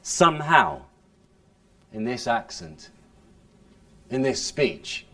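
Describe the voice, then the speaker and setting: A man, an actor, softly explaining the rhythm of verse and tapping it out aloud. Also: mid-range voice, big pitch swings, slow pace.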